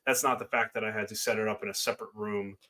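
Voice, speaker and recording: A man's voice: on the low side, fairly even intonation, fast talker, bright, forceful tone. A man hosting a podcast, chatting casually with his wife and teasing her with dry jokes. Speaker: podcast host, woodworker. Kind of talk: casual chat.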